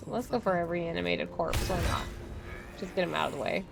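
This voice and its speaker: A woman's voice: lowish voice, lively intonation, fairly quick, creaky, over music. A woman streaming a game, chatting casually and thinking aloud while she plays, with frequent laughs. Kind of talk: casual gameplay commentary.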